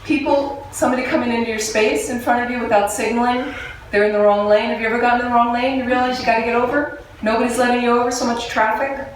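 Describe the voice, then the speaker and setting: A woman gives a relaxed, humorous Buddhist teaching and keeps turning questions back to her listeners. Her voice rings through a strongly reverberant room. She sits away from the microphone, with a faint murmur of ambience underneath. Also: on the high side, quick pace, few pauses, recorded from a distance, a little hiss or hum. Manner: conversational, humorous, asks the audience questions. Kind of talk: dharma talk to a live group.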